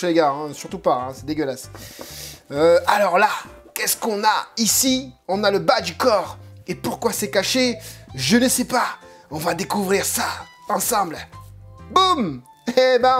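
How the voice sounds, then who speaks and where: A man casually commenting on a figurine unboxing, joking and rambling with lots of hesitant fillers. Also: high voice. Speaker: unboxing video host. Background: faint background music.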